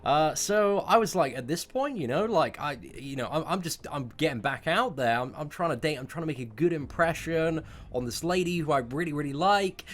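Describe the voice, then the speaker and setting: This twentysomething YouTube creator recounts something from his own life in a loose, rambling, foul-mouthed style, hammering points home by repeating words. His voice is a little high and expressive, moving at a moderate pace with few pauses.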